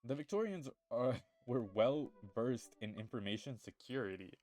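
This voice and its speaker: A man voicing a haughty, old-fashioned gentleman in a game, speaking in a prim, theatrical way. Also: mid-range voice, animated, moderate pace, lightly acted. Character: pompous old-fashioned man with Victorian airs.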